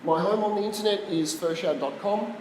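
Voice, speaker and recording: A man with an Australian accent and a high-sitting, darkish voice speaks fairly quickly in a casual tech talk to a small live audience. He's chatty and quizzes the room, with slight background noise and a roomy echo with long reverb.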